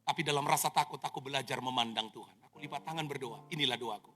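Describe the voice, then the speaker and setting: A man in his thirties preaching an animated sermon as pastor, telling stories dramatically with sound effects and jokes, in a reverberant church hall. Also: mid-range voice, quick pace.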